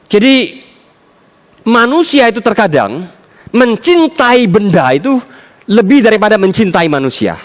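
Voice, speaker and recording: A man preaching a sermon as pastor, telling everyday stories with rising emphasis. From Indonesia. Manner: storytelling with a sharply rising pitch for emphasis. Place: church.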